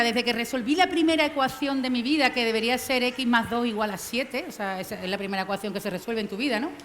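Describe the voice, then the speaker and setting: A middle-aged woman giving a lively popular science lecture, theatrical and self-mocking, acting out the voices of people she quotes. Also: on the high side, a little hiss or hum. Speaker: mathematician giving a public lecture. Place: outdoor science fair stage.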